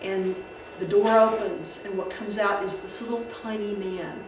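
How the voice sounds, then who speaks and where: A woman tells folk tales and explains old beliefs to a library audience, talking loosely and restarting her sentences often. Her voice is picked up from a distance in a very echoey room. Steady background noise sits under it. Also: medium pitch, a little slow. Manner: conversational, with many restarts and fillers. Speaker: library speaker. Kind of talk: public talk on folklore.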